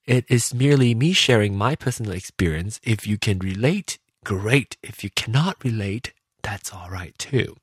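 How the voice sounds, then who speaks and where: Low-pitched man, dry halting podcast monologue. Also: dry recording. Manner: halting, thinking aloud with pauses and rephrasing. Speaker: podcast host. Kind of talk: casual reflective personal monologue.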